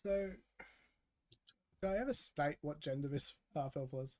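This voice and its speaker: A man's voice: on the high side, a little slow, a crowd in the background. Laid-back laughing male game master. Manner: laughing often, easygoing. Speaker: dungeon master. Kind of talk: running a tabletop game.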